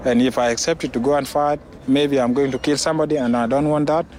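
A man's voice: mid-range voice, fairly even intonation, fast, darkish tone, a little hiss or hum. A man from South Sudan speaking earnestly outdoors at a camp. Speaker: asylum seeker.

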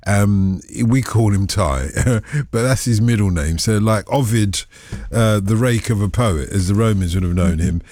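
A man's voice: lowish voice, measured pace, darkish tone, dry recording, studio quality. An older man hosting a radio phone-in show, joking and chatting playfully with callers. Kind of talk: late-night radio phone-in chat. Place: radio studio.

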